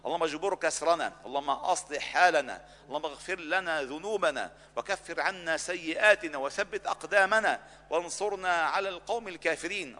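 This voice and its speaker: Lebanese imam chanting prayers in a reverberant mosque. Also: male voice, fairly high pitch, sharp tone. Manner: chanted supplication, rising in fervor. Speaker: imam preaching the Friday sermon. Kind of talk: sermon, closing prayers. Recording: long reverb of a mosque hall.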